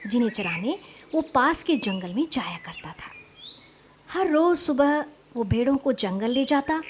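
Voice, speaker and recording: Woman, children's story narrator, slow expressive reading, fairly high voice, faint background noise.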